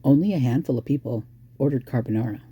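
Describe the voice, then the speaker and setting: Speaking at a quick pace, this hoarse true crime commentator has a mellow, mid-range voice and speculates loosely while thinking aloud, breaking off with exclamations when inspiration strikes.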